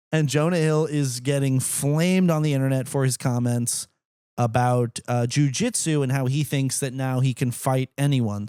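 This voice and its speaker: A man's voice: medium pitch, a little mellow, clear, resonant tone, dry recording, clean studio sound. A man co-hosting a podcast in casual, jokey chat, often mimicking people in a cocky voice. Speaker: podcast co-host.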